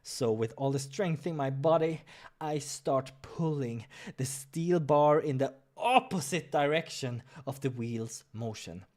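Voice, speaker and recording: Unhurried and a little mellow, a man's mid-range voice carries a dramatic visual novel reading for his let's play. Music sits behind him as he adds casual asides and now and then stumbles over a line.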